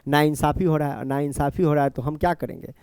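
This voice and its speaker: A man's voice: fairly high pitch, fast, creaky, a little mellow, clean tone, no echo, studio quality. A man teaching a class. He explains each point by repeating it and answers his own questions. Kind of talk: classroom lecture.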